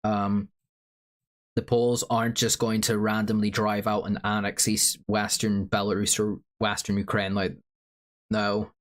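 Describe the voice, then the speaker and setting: Man, low-pitched, sore throat, rambling livestream talk, lots of fillers. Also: completely flat delivery, a little slow. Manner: rambling, filler-heavy, reads viewer chat. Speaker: stream host. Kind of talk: casual livestream commentary.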